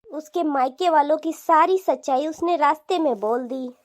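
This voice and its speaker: In a cartoon family drama, a woman with a high-pitched, natural voice and moderate pace plays a scornful, bossy middle-aged mother-in-law. She gossips dismissively, her manner mocking and contemptuous.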